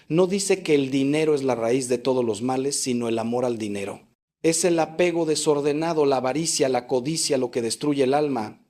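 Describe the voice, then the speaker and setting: A man's voice: medium pitch, a little mellow. A man preaching a sermon as a priest, emphatic, with sweeping rises and falls in his delivery.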